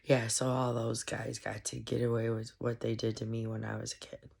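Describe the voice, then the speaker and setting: Flat, gravelly, congested woman rambling. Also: extremely low pitch. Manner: halting, meandering, heavy with fillers. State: stuffed up, congested. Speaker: solo commentary vlogger. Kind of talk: casual rambling monologue.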